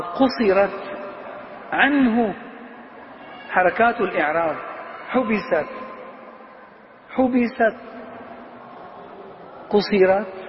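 Brief: male grammar teacher, high voice, quizzes the class and answers himself, dull lo-fi recording with a long hall echo. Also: slight background noise. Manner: asks questions and answers them himself; repeats key words slowly for emphasis.

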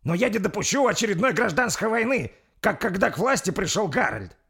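A man voicing a defiant lord who shouts his demands in a strained, high voice. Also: big pitch swings, brisk, gravelly, breathy edge, exaggerated voice. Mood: furious. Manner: shouting, indignant. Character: furious older male lord, defiant and loud.

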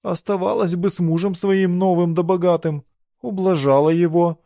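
A young blacksmith apprentice, put on by a male narrator who brushes others off in short, hard phrases. His voice sits slightly higher than the narrator's and stays hushed and clipped. The sound is dry and close. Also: fairly even intonation, normal speed, creaky, no room sound. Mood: cold rebuff. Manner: terse, harsh, hushed.

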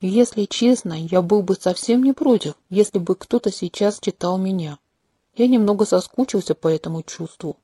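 A woman plays an inhuman prince who charms and needles by turns, calm and frank with a faint mocking edge. The voice is mellow and warm at a middling pitch. It sits close and dry, as in a home-made audiobook. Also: normal speed, husky, no echo, natural voice. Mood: calm, candid. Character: charming, manipulative male non-human empath prince. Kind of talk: audiobook character reading. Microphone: close home mic.

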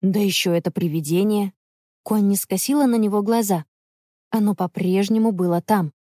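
A woman telling a children's story in measured, expressive audiobook narration. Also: medium pitch, dry recording, studio quality.

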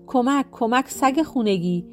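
A woman's voice: fairly high pitch, animated, soft background music, natural voice. A woman voicing a commanding young prince who gives curt orders. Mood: calling for help.

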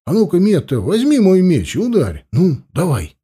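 A man voicing an excited, boastful young man in an audiobook. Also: slow, breathy edge, heavily acted. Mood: exultant. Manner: excited exclamations, raised higher voice.

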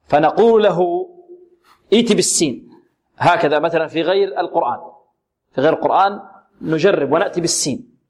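A man teaching tajweed, who poses questions and answers them himself and repeats words slowly to demonstrate pronunciation. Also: sits high, a little mellow. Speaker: Quran recitation teacher. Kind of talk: tajweed lesson with recitation examples.

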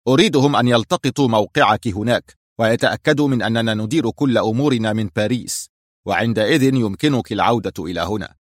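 A man's voice: fairly low pitch, fast, no room sound, studio quality, close to an everyday voice. A man voicing a stern male crime boss who gives clipped, cold orders.

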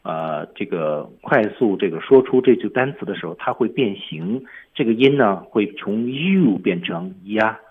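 Husky animated man teaching over a phone line. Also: fairly low pitch, unhurried, few pauses. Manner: explains film lines step by step, lively. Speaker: English teacher. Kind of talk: radio English lesson.

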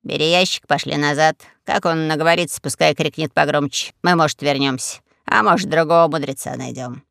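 A man voicing a bold, rude male parrot with a hoarse voice in an audiobook. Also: on the high side, steady tone, fairly quick, pushed and bright, dry recording, clean studio sound, pitched below the performer's own voice. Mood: brash. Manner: brash, cheeky.

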